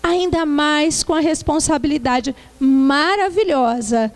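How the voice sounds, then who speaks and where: A woman pastor preaching a sermon, telling her testimony with lively tag questions and calling the congregation to answer back. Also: sits high, slow pace. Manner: calls for congregational response. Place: church.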